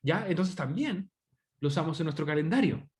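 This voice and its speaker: Chatty teacher on a video call. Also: male voice, on the high side, animated, fairly quick, darkish tone. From Chile. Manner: chatty, asks students questions often. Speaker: English teacher. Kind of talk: online class explanation. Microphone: computer microphone on a video call.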